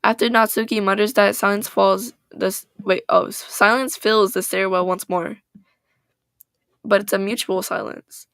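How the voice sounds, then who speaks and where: A woman's voice: mid-range voice, fairly even intonation, normal speed, fairly bright tone, dry recording, studio quality. A woman streamer narrating a visual novel and talking to herself in a self-conscious, casual way. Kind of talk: livestream narration and commentary.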